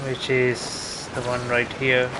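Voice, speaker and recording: Thinking aloud to himself, a game streamer muses through casual gameplay commentary in a mid-range, monotone voice, taking it slowly. Game music and background noise sit behind him.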